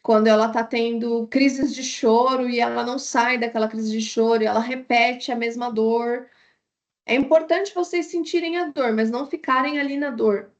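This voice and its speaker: A woman, an instructor giving an online course lecture in an animated way. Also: fairly high pitch, normal speed, highs cut off. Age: adult with a child. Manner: animated, acts out inner thoughts in quoted asides.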